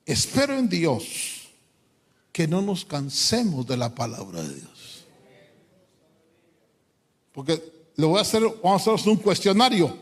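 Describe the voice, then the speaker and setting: A fervent man preaches, his voice sitting high and his delivery unhurried and drawn out. He swings between hushed asides and loud, pleading cries. The church hall rings with a long reverb. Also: huge pitch swings, breathy edge. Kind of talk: sermon.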